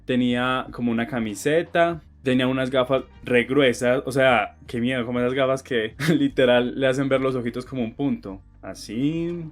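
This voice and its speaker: A young man telling a personal story in a vlog, animated and joking, cursing freely. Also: medium pitch. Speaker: vlogger.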